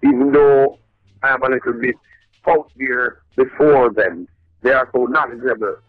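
A middle-aged reggae artist with a Jamaican accent, heard over a phone line, talking in a laid-back, rambling way with lots of restarts. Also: male voice, medium pitch, normal speed, no echo. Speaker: reggae artist calling in as a guest. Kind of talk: casual radio phone interview. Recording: tinny dry phone line with faint music.

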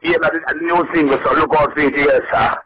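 A man's voice: a little high, fairly even intonation, quick pace. Man talking over the phone. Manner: loose, repetitive, upbeat patter with many "you know"s and "man"s. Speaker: reggae artist guest. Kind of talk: casual radio interview. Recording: muffled phone-line audio.

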